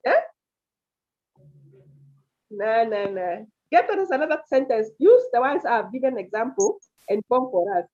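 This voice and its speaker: Woman teacher running an online grammar class, high and very lively voice, muffled lo-fi call audio. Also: unhurried, pauses often. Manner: calls on students by name, repeats their answers. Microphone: video call. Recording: dull lo-fi video call audio.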